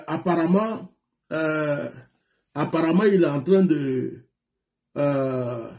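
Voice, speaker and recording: A man, a pastor from Côte d'Ivoire, talking live to viewers and callers in an animated, repetitive way. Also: on the high side. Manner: animated and repetitive, laughs often. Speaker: pastor hosting a live show. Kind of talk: live-stream talk with callers.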